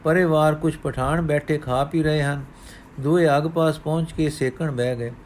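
Male storyteller, measured, slightly high voice, devotional reading. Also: steady tone, a little mellow, slight background noise. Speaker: narrator.

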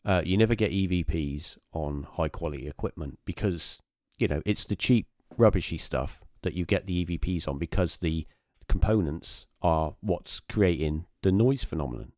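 A man's voice: low voice, normal speed, hardly any pauses, mellow, no room sound, clean studio sound. A man, hosting a podcast and recounting a story casually, rambling with many fillers and restarts. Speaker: podcast host.

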